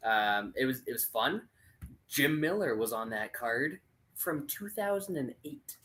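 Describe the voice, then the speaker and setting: Relaxed man in his late thirties. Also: mid-range voice, a little slow, low-quality recording. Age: 30s. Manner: relaxed, hesitant with many fillers. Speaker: podcast co-host. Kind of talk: casual podcast banter.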